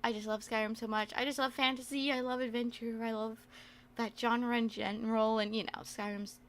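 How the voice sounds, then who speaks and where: A woman's voice: fairly high pitch, level tone, fairly quick, fairly bright tone. A young woman chatting casually on a livestream in a cute, playful anime-streamer manner, giggly and rambling, with some self-deprecation. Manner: giggly, laughs often while talking. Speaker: streamer introducing herself on a debut stream.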